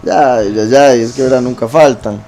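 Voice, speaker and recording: A man teaching scripture in a relaxed, conversational way, often checking in with listeners and rephrasing as he goes. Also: medium pitch, normal speed. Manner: informal, rephrases as he goes, asks "¿verdad?" often. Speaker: teacher of a congregation.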